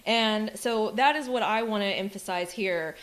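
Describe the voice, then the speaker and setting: Female podcast co-host, mid pitch, emphatic and argumentative storyteller. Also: moderate pace, fairly bright tone. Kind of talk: true crime podcast discussion.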